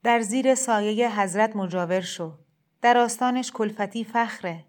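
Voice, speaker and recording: A woman voicing a soft-spoken, coaxing male cleric. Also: medium pitch, lightly acted. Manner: heavy, soft, kindly insistent. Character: gentle persuasive middle-aged male shrine cleric. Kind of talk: storybook reading.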